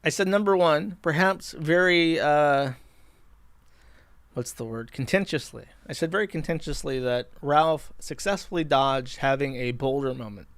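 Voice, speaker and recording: A man's voice: fairly high pitch, moderate pace, a bit bright, no room sound. A man hosting a stream, giving a rambling, sardonic monologue with frequent restarts. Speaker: streamer host. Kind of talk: monologue commentary.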